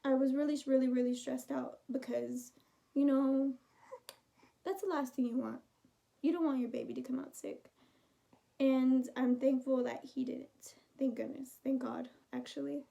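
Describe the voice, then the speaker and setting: A woman's voice: high voice, steady tone, unhurried, gravelly, mellow. A woman in her twenties telling a personal story in a chatty, rambling, heartfelt way on her vlog. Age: 20s. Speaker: vlogger.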